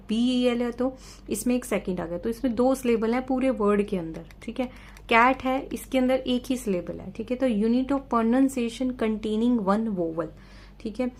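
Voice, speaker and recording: A woman teacher explaining a lesson step by step, checking in often and reading out definitions slowly. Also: fairly high pitch. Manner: reads English definitions slowly and carefully. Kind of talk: exam-prep lesson.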